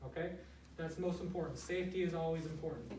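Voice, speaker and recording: A man's voice: a little high, fast talker, a little mellow. A man giving a casual, step-by-step martial arts lesson, explaining plainly and checking in often. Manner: plain-spoken, explanatory, frequently checking with "okay". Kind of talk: casual step-by-step instructional demonstration. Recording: roomy, noisy, distant microphone.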